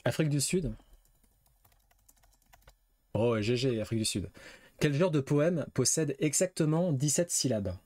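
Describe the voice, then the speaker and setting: A man's voice: medium pitch, expressive, unhurried, pauses often, darkish tone, no echo. A man streaming a quiz game, reading questions aloud, guessing and swearing casually. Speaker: gaming streamer.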